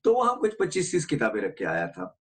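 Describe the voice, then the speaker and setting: A man's voice: medium pitch, huge pitch swings, fairly quick. A man giving an earnest devotional discourse, explaining scripture and telling stories, mixing in English phrases.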